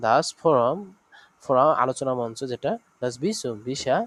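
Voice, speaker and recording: A man teaching an online language lesson, running through word examples slowly with fillers and check-ins. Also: mid-range voice, fairly bright tone.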